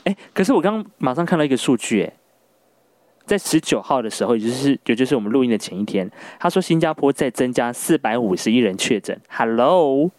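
A man's voice: medium pitch, lively intonation, fast talker, a little mellow, no echo. A man with a Taiwanese accent hosting a casual podcast interview in a playful, bantering way. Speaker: podcast host, radio broadcaster.

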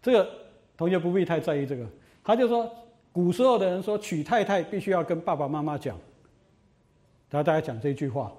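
A middle-aged man lecturing to university students, retelling old stories with rhetorical questions and an animated manner. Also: fairly high pitch, brisk, long pauses.

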